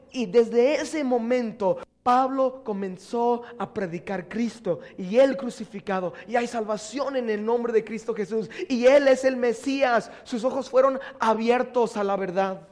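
A man preaches in an easy, conversational way, asking his listeners questions and searching for words. His voice is very high and he speaks slowly. A long hall echo trails every phrase. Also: a little mellow. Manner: conversational, asks the audience questions, stumbles over words. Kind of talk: sermon.

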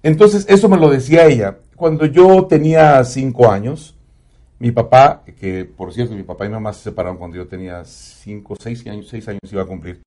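A man with a Mexican accent, a radio announcer telling personal stories in a casual, animated way, swearing freely. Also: medium pitch, brisk. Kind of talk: casual storytelling in an interview.

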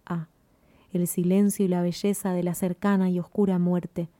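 A woman narrating a story in a measured, even reading. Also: fairly low pitch, no room sound.

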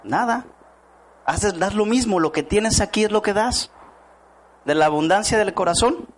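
Male speaker, motivational seminar style, a bit high-pitched, keeps asking the room questions. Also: animated, normal speed. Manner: rhetorical questions to the audience, acts out quoted voices. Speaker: network marketing speaker. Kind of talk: motivational talk to a live audience.

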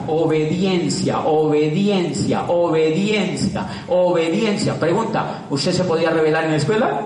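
A man's voice: on the high side, slight background noise. A middle-aged man, talking to an audience with rhetorical questions and repeated words for stress. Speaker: public speaker. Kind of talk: lively talk to a live audience. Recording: echoey room, from far off.

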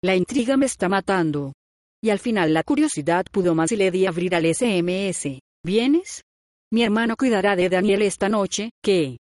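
A woman narrates a first-person audiobook, speaking the dialogue of every character in her own everyday voice. Her pitch sits in the middle, and the recording is dry and close, with no room sound. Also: a little fast, a little mellow, dry recording. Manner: reads all characters' lines in her own voice.

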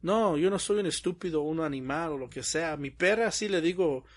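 A young man with a slightly high voice, talking in a relaxed chat. He tells stories with energy, slips into the voices of the people he quotes, and laughs often. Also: moderate pace. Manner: animated storytelling, acting out quoted dialogue, laughs often. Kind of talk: casual chat.

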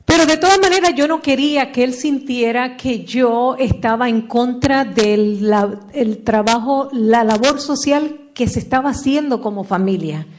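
Brief: middle-aged woman, fairly high voice, heartfelt testimony talk, re-enacts past dialogue. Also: moderate pace, hardly any pauses, a little hiss or hum. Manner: emotional storyteller, re-enacts her own past words. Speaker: speaker giving a testimony with her husband.

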